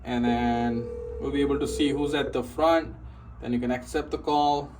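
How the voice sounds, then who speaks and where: Talking at normal speed in a medium-pitched voice with fairly even intonation, a man walks the listener through a security product as its installer. The demo is informal and unscripted, explained step by step, and he often closes a point with a checking "right?". Ambient background noise comes through clearly.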